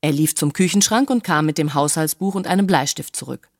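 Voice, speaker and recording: A woman narrating a children's storybook with expressive, storyteller's phrasing. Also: low-pitched, fairly quick, no room sound, clean studio sound.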